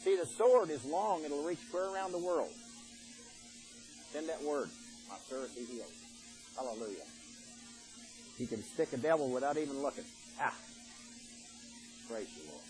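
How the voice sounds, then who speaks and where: A man's voice: a little high, rough recording. An older man preaching a sermon in a folksy, plain-spoken way, reading scripture aloud and then explaining it.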